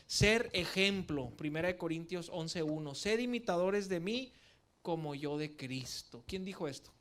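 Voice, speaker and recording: A man's voice: fairly high pitch, fairly bright tone. Impassioned Spanish-speaking male preacher. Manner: impassioned preaching, rising to emphatic calls. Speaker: pastor. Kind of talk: sermon at a parents' workshop. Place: church.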